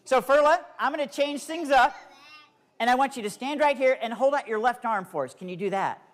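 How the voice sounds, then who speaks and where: A man's voice: very high-pitched, a little fast, fairly bright tone. A man performing as a comedy magician for children, with playful, coaxing showman's patter in simple phrases to young volunteers and the audience. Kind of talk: live stage show patter for kids, talking to volunteers and audience.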